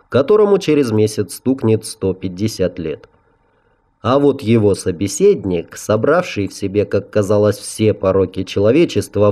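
A man reading a science fiction audiobook in a measured, even narration. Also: fairly low pitch.

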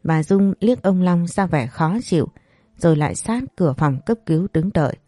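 Low-voiced woman narrating a story. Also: expressive, moderate pace, mellow, dry recording, studio quality. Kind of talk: first-person story narration.

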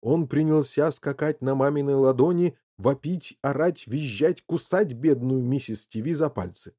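An audiobook narrator reading a children's story in an expressive, measured way. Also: medium pitch. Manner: animated, measured.

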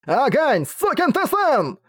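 A man voicing a furious villain mage in an audiobook, shouting venomous threats. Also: sits high, animated, quick pace, pitched above the performer's own voice. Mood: enraged.

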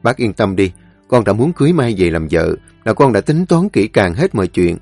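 A man's voice: fairly low pitch, sing-song, moderate pace, a little mellow, no echo, soft background music. A man voicing an earnest, polite young man, in an audio story.

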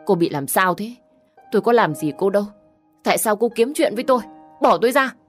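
A woman's voice: fairly low pitch, brisk, soft background music, close to an everyday voice. A woman voicing a pregnant young wife who pleads and defends herself in an audio story. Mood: pleading.

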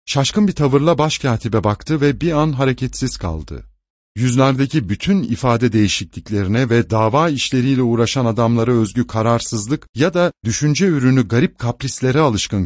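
A man narrating a novel in a measured, even reading voice. His pitch sits mid-range and the recording is close and dry. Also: dry recording. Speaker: audiobook narrator. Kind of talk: scripted literary narration.

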